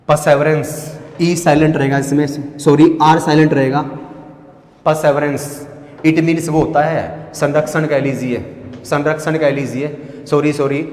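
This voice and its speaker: Indian teacher spelling words in an echoey room. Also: male voice, fairly high pitch, darkish tone. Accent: Hindi-speaking Indian. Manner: spells words letter by letter, repeats and addresses students. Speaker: English teacher for competitive exams. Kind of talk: spelling lesson lecture.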